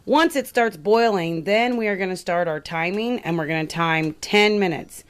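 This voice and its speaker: In her kitchen, a woman with a smooth, lowish voice gives a casual step-by-step home canning demonstration at a moderate pace, chatting and thinking aloud as she works. It's a home video with steady background noise.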